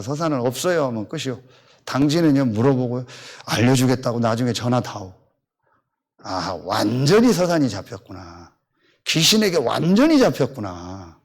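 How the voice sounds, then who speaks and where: Male pastor, 50s, mid-pitched, lively up-and-down delivery, acts out dialogue in sermon anecdotes. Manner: animated storytelling, acting out both sides of conversations; blunt, colloquial.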